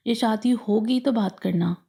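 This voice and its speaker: A woman narrator voicing a distraught, quick-tempered young bride-to-be who pleads and snaps, in a storybook reading. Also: a little high, creaky, warm tone. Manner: pleading and snappish.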